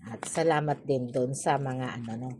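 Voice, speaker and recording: A woman's voice: a bass voice, steady tone, normal speed, noisy background. A woman with a Filipino accent giving a casual tarot reading, chatty, with frequent tag questions and sarcastic asides. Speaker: tarot reader.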